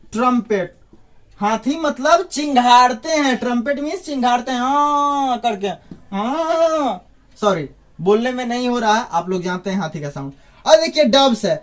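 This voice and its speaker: A man giving an informal spoken lesson, chatty, with joking asides and questions put to the listener. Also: very high-pitched. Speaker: teacher.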